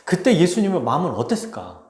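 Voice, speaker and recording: Lively, animated male preacher in a roomy church. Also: high-pitched, fast talker. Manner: conversational, asks the congregation questions; dramatizes the text with acted quotes. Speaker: pastor. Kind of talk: expository sermon. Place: church sanctuary.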